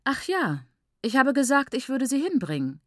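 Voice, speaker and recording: A woman's voice: high voice, big pitch swings, normal speed, fairly bright tone, no room sound, pitched above the performer's own voice. Woman reading a casual, pleased uncle. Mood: offhand. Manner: offhand, matter-of-fact. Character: generous, self-satisfied uncle, casual and paternal. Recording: dry close recording.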